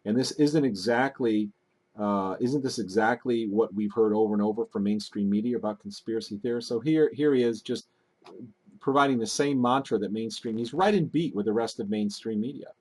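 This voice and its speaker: A man commenting on video clips in a deliberate, analytical way, with frequent fillers. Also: fairly low pitch, darkish tone. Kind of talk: casual commentary.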